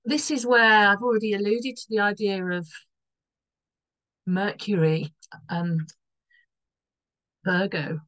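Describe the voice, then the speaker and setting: Croaky-voiced woman explaining astrology. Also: mid-range voice, fairly even intonation, takes it slowly, long pauses, fairly bright tone, no room sound, rough recording. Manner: rambling, loses her thread and corrects herself.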